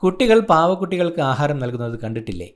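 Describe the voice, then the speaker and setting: A man's voice: on the high side, animated, quick pace. A man from Kerala, an exam coaching tutor, reading out an answer key in short, clipped phrases. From Kerala, India.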